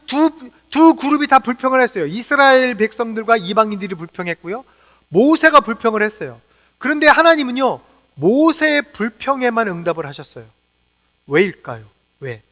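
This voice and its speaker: Male pastor, very high and bright voice, earnest preaching, echoey sanctuary. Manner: earnest, exhorting, with rhetorical questions. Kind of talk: sermon. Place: church sanctuary.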